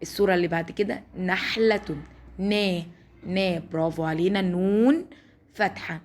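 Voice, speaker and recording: A woman teacher with an Egyptian accent gives a recorded lesson to first graders. She draws out sounds and words slowly and praises the class as she goes. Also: lowish voice. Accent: Egyptian Arabic. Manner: slow, drawn-out spelling of sounds and words. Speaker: primary school teacher.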